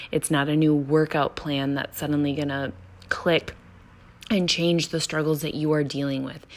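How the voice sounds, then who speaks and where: A woman with a low-pitched voice hosts a podcast. She speaks directly to her listeners in a chatty, casual way, with an earnest delivery. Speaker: podcast host. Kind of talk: podcast intro and interviewing, casual direct address.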